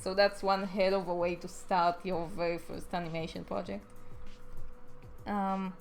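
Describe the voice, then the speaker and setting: A woman's voice: on the low side, level tone, unhurried. Young woman who says R's as W's. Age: young adult. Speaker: animator narrating a speed draw video. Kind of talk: casual rambling voice-over commentary. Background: music behind the voice.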